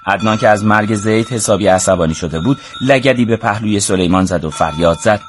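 A man narrating a storybook in an even, measured way. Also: on the low side, slight background noise.

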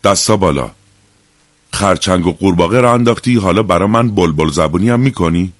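A man's voice: low-pitched, no room sound. A man voicing a strict, angry male school principal who barks orders at his class. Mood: stern scolding. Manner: barking, scolding orders.

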